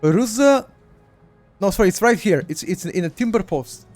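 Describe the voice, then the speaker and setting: During a live game walkthrough, a Bulgarian-accented man speaks to his chat in a high, expressive, slightly mellow voice at a moderate pace. His manner is chatty and direct, with plenty of repetition. Faint music plays behind him.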